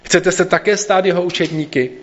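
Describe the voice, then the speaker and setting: A man's voice: high voice, voice pushed up, close to an everyday voice. A man voicing a formerly blind man who insists on what happened to him, in a slightly dull recording. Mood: insistent.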